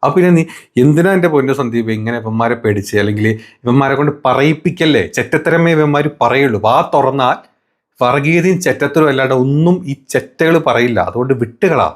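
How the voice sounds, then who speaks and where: A man's voice: medium pitch, fairly quick. Man mocking with crude, sarcastic taunts. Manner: sarcastic, crude insults and mock-affectionate taunts. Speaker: political commentary host. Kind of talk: mocking commentary over debate clips.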